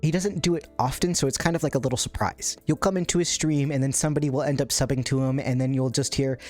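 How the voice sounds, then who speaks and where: A man's voice: mid-range voice, fairly even intonation, fast talker, darkish tone. A man narrating a video essay about a streamer in a chatty, playful way, with self-aware asides. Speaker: content creator. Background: faint background music.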